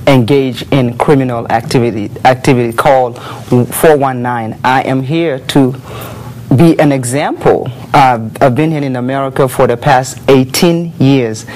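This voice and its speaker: A woman's voice: very deep voice, normal speed, a little mellow. A woman speaking earnestly and firmly as a guest on a TV talk show. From Nigeria.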